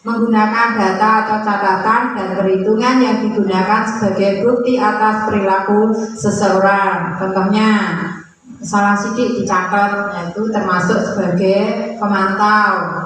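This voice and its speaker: A woman's voice: medium pitch, fairly even intonation, measured pace, a bit bright. A woman teacher explaining classroom roles to colleagues, sometimes acting out what a teacher would say to a pupil. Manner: explanatory, acts out scolding and friendly teacher lines. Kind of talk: presenting to fellow teachers. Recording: echoey room from far off, faint noise.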